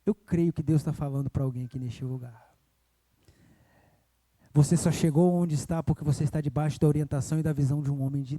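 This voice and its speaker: Young guy preaching in a church, high-pitched but mellow, builds up to shouting bits. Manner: storytelling, swells to loud emotional cries. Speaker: evangelist preacher. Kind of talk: sermon. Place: church sanctuary.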